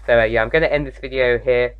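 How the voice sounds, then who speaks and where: A man's voice: mid-range voice, fairly even intonation, quick pace, clean tone, narrow, tinny audio. A man giving casual gameplay commentary, rambling with many fillers and self-mocking jokes, his voice wearing out late at night. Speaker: gaming YouTuber.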